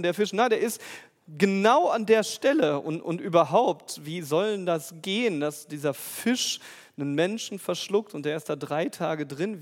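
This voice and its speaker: A man preaching a sermon, lively and emphatic, often asking his listeners questions. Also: sits high, in a large hall.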